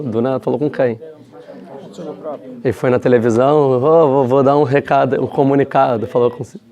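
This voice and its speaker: In a slightly high, mellow voice, a man chats his way through a casual religious lesson, often tossing out rhetorical questions and restarting sentences amid plenty of fillers.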